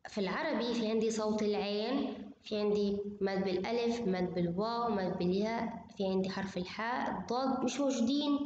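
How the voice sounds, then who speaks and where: A woman's voice: fairly high pitch, a little mellow, dull audio. Woman lecturing in a very echoey room. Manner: switches between Arabic and English, explains patiently, drills pronunciation. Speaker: university translation lecturer. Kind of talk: recorded online lecture. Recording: very echoey room, faint noise.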